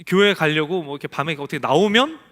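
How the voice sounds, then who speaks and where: Male pastor, high voice, lively swooping delivery, emphatic sermon, long church-hall reverb. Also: fast. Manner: emphatic, acts out quoted voices. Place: church sanctuary.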